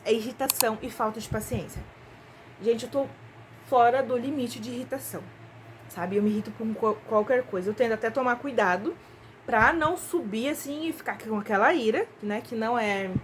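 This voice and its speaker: High-voiced Brazilian woman, hesitant chat. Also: slight background noise. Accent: Brazilian Portuguese. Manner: hesitant, repeats and restarts words, intimate. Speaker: vlogger. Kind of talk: casual confessional chat to viewers.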